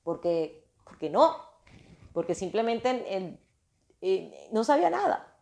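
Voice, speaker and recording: A woman casually telling a personal story to her listeners, animated and often restarting and repeating her phrases. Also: mid-range voice, measured pace, creaky.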